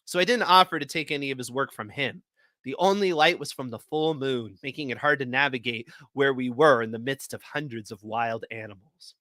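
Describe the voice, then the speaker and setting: Bright-voiced man reading stories aloud. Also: fairly high pitch, no echo. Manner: lively expressive reading. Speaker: host.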